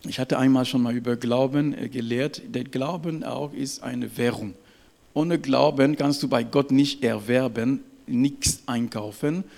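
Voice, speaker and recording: A man preaching a sermon to his congregation, emphatic and halting, often checking in with "ja?" and "Amen". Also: medium pitch, creaky, a little mellow. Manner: halting, with restarts and fillers.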